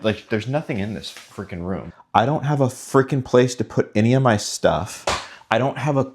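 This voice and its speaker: A man's voice: fairly low pitch, darkish tone. A man vlogging casually about his life, talking in a rambling, frustrated way. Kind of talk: casual self-filmed vlog.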